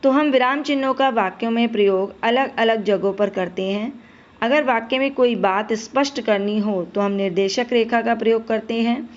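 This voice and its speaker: Speaking at normal speed in a voice on the high side, a woman patiently explains a Hindi lesson to primary schoolchildren, asking them questions and then answering them herself. The recording is muffled.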